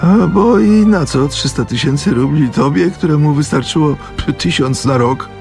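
A man's voice: moderate pace, darkish tone. A man voicing a fussy, anxious elderly shop clerk in a radio book reading. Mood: probing. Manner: agitated, pleading, voice climbing high. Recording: radio reading with clear music behind.

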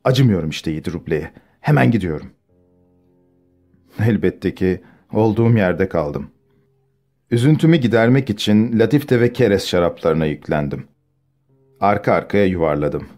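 A man's voice: low voice, animated, moderate pace, long pauses, a little mellow, faint music behind. A man reading a novel aloud as an audiobook, acting out the dialogue with shifting tone. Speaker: audiobook narrator.

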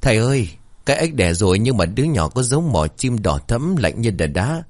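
A man's voice: medium pitch, big pitch swings, a little fast, pitched above the performer's own voice. A male narrator voicing a cowardly young helper who speaks nervously. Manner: nervous, gulping.

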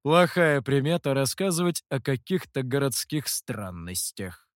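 A stern dark master, short-tempered and curt, worn out by his companions as a male narrator voices him. The delivery keeps a lively swing in pitch and a dry, close sound. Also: unhurried, dry recording. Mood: exasperated. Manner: curt and exasperated.

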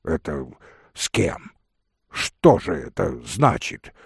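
A man reading a novel aloud, voicing a tall, haughty gentleman with a hoarse voice and a curt, demanding manner. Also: very deep voice, very animated, slow pace, no echo, studio quality, voice pushed down, heavily acted. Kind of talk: audiobook character reading.

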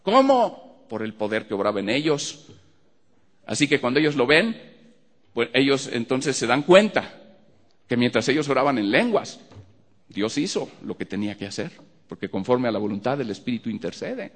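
A man's voice: mid-range voice, animated, moderate pace, long pauses, fairly bright tone, in a large hall. A man with a Mexican accent preaching a fervent sermon as a pastor in a church, repeating phrases of praise.

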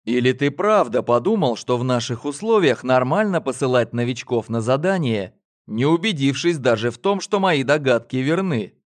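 A man voicing a shrewd, calm elder male telepath in an audiobook. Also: medium pitch, normal speed, lightly acted. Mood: measured, commanding. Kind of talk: audiobook character voice.

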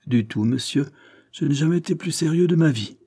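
A man's voice: fairly high pitch, animated, brisk, warm tone, slightly rough, voice pushed up. A man voicing a cool, exacting detective who speaks with cold precision in an audiobook reading.

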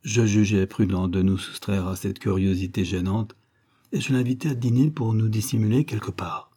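Dark-voiced man reading a story. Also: fairly low pitch, breathy edge. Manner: measured, literary reading. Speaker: audiobook reader. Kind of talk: scripted literary narration.

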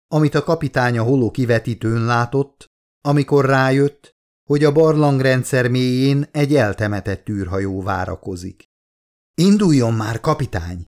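Guy reading his own audiobook, mid pitch, steady dramatic telling. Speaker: author reading own book. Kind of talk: audiobook narration.

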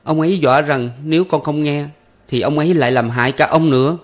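A man's voice: on the high side, brisk, pitched above the performer's own voice, natural voice. A man voicing an anxious young man who humbly pleads with his elders. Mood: pleading.

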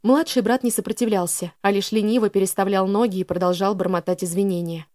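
A woman's voice: medium pitch, steady tone, fast, warm tone, dry recording, clean studio sound. A woman narrating a first-person audiobook in an emotional, dramatic reading.

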